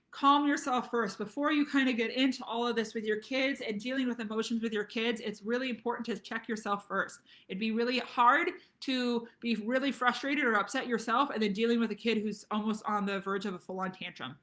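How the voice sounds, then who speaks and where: A woman's voice: a little high, bright, forceful tone. A young adult woman, a pediatric nurse practitioner, giving conversational parenting advice and often checking in with "okay?".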